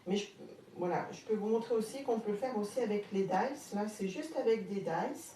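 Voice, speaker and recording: A mellow-voiced woman with a slight Haute-Marne accent, talking through a casual live craft demo with lots of hesitant fillers. She sounds a little distant from the camera mic, in a roomy space with a faint hum behind her. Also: mid-range voice, normal speed. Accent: Haute-Marne French. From France. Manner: chatty, hesitant with many fillers, greets viewers. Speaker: craft live-stream host.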